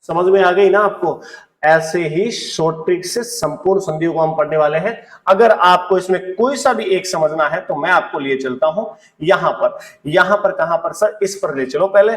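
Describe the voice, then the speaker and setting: A man with a high voice teaching an energetic exam-prep lesson. He keeps firing questions at his students and answering them himself, with playful banter. His voice sits a little back from the mic in a roomy, echoing space. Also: recorded from a distance. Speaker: Hindi grammar teacher.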